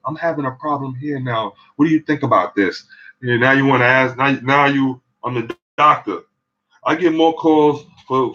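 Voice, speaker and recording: Streetwise New York man, bright lo-fi voice. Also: mid-range voice. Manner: streetwise, animated, repeats "you know what I'm saying". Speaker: barber and vlogger. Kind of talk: casual storytelling to camera.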